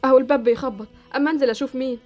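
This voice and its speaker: A teasing, affectionate mother , voiced by a woman, jokes in Egyptian Arabic in a fairly high voice. She speaks very fast, with soft music underneath in this Roblox drama. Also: fairly even intonation, close to an everyday voice. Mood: soothing. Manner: affectionate, joking. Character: middle-aged mother, warm and teasing.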